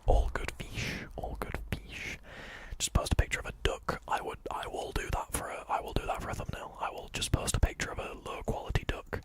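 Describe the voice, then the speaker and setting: Brisk and playful, a man whispers to viewers of his ASMR livestream through a fluffy microphone, greeting them again and again and cracking jokes.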